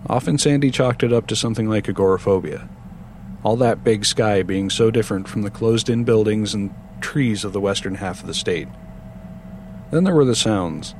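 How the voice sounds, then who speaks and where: Guy with a lowish voice reading a spooky story, steady and even. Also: normal speed, slight background noise. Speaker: narrator. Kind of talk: audiobook horror narration.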